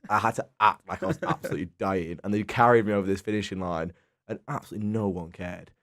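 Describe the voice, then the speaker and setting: A man's voice: lowish voice, fast talker, a bit bright. A man, co-hosting a casual podcast and telling self-mocking stories. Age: early 20s. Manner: self-mocking, laughs through his stories. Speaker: podcast co-host. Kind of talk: casual chat.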